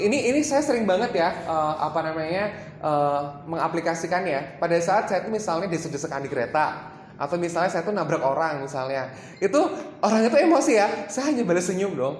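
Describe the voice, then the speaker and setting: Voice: mid-range voice, slight background noise. A workshop presenter giving a casual training talk to a small group, chatty, with many fillers and English phrases mixed in. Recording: roomy echo.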